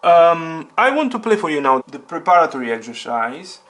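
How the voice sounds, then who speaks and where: A man's voice: on the high side, very animated, normal speed, fairly bright tone. A man teaching piano step by step, patiently naming notes and fingerings and repeating the key points. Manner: names notes and fingerings aloud.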